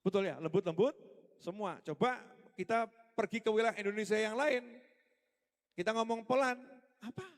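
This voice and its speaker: A man's voice: high-pitched, normal speed, pauses often. A man preaching a religious lecture, emphatic, posing rhetorical questions and repeating key phrases for stress. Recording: echoey hall reverb.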